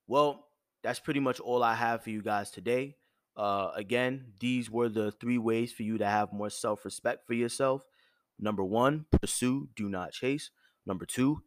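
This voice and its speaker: A man hosting his own show, giving blunt, profane dating advice in a firm yet soft tone, with features. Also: mid-range voice, no room sound, clean studio sound. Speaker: host. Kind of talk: direct advice monologue.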